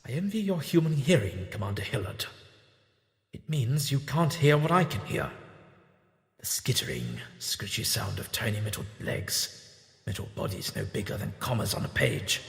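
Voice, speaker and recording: A man playing an eccentric, knowing alien time traveler in an audio drama, musing deliberately with theatrical pauses. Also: medium pitch, gravelly, fairly bright tone, exaggerated voice. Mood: ominous. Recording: echoey room with long reverb.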